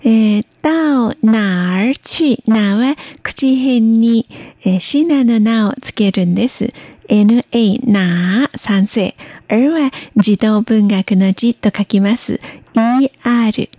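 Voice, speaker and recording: A woman's voice: fairly high pitch, warm tone, no echo. A woman teaching a Chinese language lesson, patiently spelling out pronunciation and tones step by step. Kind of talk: slow careful language lesson.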